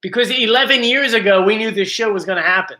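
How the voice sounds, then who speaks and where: Speaking quickly in a high, pushed, bright voice, this man runs a laid-back home live stream from his bedroom area. His talk is chatty and jokey and wanders off topic readily, all recorded through a computer microphone.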